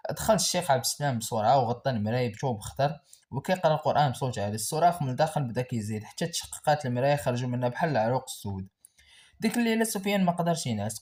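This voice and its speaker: A man's voice: medium pitch, darkish tone. A man with a Moroccan accent narrating a horror story in a dramatic, suspenseful way.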